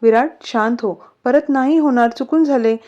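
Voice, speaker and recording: A woman voicing a caring, calming mother-in-law in a storybook reading. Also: on the high side, moderate pace, lightly acted. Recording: slightly muffled recording.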